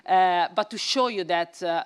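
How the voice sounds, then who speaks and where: Italian-accented female activist, halting delivery with lots of fillers, clean smooth tone. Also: fairly low pitch. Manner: hesitant, many fillers, reads legal text aloud. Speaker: panelist, gender equality activist. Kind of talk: panel discussion.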